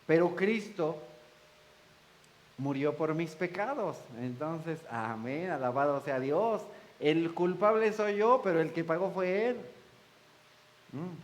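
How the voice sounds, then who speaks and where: A man's voice: a little high, slow, pauses often, rough recording. A man preaching a sermon in church, folksy, joking with the congregation and acting out the voices he quotes. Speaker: pastor.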